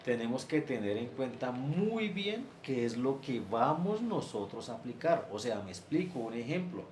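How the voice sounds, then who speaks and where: A man's voice: mid-range voice, big pitch swings, moderate pace, a little mellow. A man lectures his students, circling through examples step by step. His voice sits in a reverberant room. A faint ambient hiss runs underneath. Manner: explains step by step with many filler examples. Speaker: teacher. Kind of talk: screen-share class lecture.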